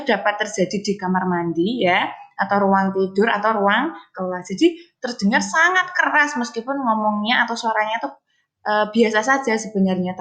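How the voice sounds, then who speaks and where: An elementary school teacher, a woman, giving an online science lesson to children, repeating key points and asking her pupils questions. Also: medium pitch.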